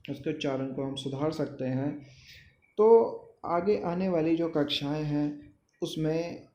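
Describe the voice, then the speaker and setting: Slow-explaining male teacher, echoey room. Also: a little high, warm tone. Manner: slow, deliberate explaining with example words. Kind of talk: lecture on pronunciation. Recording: echoey room with faint ambience.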